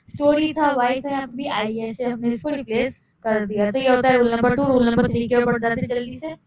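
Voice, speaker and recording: High-voiced woman teaching English spelling. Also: poor audio. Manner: reads English rules slowly, then explains in quick Hindi; asks questions and answers them herself. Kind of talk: explaining a lesson in Hindi with English terms.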